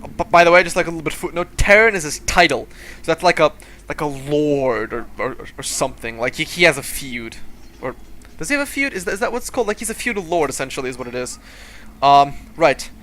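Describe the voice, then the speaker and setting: A man hosting a let's-play, talking over the game in a sarcastic, rambling, jokey way. His voice sits a bit high and swoops around with a bright, forceful edge. Faint room noise is behind him. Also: very animated, fast. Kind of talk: gameplay commentary.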